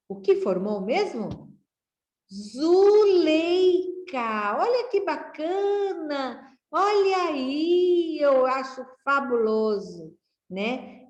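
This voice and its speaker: Brazilian lady teaching kids to read, slow and singsongy, kinda high voice, echoey room. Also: muffled recording. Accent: Brazilian Portuguese. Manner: slow, sing-song reading aloud with rising exclamations. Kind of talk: children's literacy lesson.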